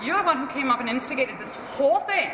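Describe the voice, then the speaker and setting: A woman's voice: sits high, animated, fast. A protesting woman arguing with an officer in a defiant, insistent way, recorded in a large capitol rotunda. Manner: defiant, insistent, recites law aloud. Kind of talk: heated argument. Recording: echoey hall, background noise.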